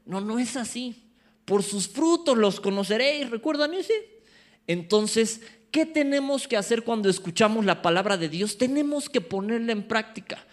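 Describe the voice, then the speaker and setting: A man gives a sermon from the pulpit. His voice sits high and swoops up and down with animated energy, and he breaks off now and then to banter with his listeners. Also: moderate pace. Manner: animated, playful asides to the congregation. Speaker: preacher.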